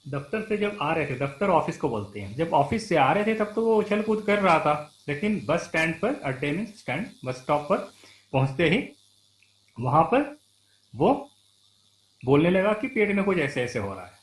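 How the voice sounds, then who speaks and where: A male teacher walks through a textbook play, reading a line and then restating it plainly. His voice is on the higher side and very animated in pitch. There is a roomy echo, as if in an open room. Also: moderate pace. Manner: reads a line, then paraphrases it simply.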